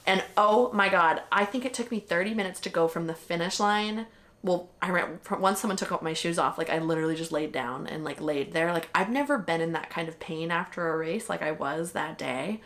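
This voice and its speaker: A woman's voice: fairly low pitch, brisk, a bit bright. A young woman vlogger telling her own marathon story in a candid, chatty way, full of fillers and mild swearing. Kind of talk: casual chat.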